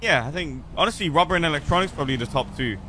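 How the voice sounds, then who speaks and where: A man's voice: fairly high pitch, animated, racing, sharp tone, a little hiss or hum. A young man streaming a roleplay game, chatting in character in a laid-back, teasing way. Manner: laid-back and teasing, drawling with easy laughs. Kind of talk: casual in-character roleplay chat.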